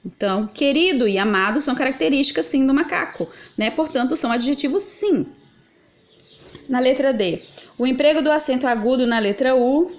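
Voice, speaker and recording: A woman walks through grammar exercises, patient and methodical, asking questions and answering them herself. Her voice sits a little high for a woman. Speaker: Portuguese teacher.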